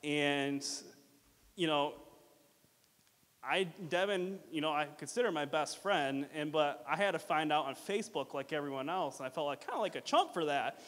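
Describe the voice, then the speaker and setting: Man, rambling best man speech, fairly high pitch, informal, joking, halting restarts, lots of filler words, reverberant hall. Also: expressive, a bit bright. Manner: rambling, halting, with false starts and repeated fillers. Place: reverberant hall at a wedding reception.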